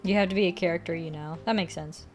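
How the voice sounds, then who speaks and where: A woman's voice: lowish voice, fairly even intonation, quick pace, darkish tone, faint music behind. A young woman streamer chatting casually while drawing, rambling and correcting herself, often laughing.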